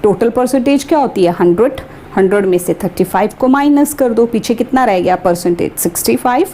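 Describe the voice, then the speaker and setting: Woman math teacher, slightly high, deliberate step-by-step delivery. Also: animated, dark tone, slight background noise. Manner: slow, deliberate explaining, mixing English terms into Hindi. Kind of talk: step-by-step classroom lesson.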